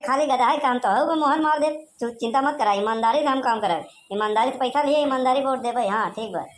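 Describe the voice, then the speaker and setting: A cunning, haggling villager, voiced by a woman, who sells his vote and nags with endless "haan?" tags. He speaks in a rustic Awadhi accent at a fairly high pitch. Cartoon comedy voicing. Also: a little fast, natural voice. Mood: cocky. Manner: loud, bargaining, rustic chatter with tag questions. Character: sly haggling village man Banwari. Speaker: villager voter.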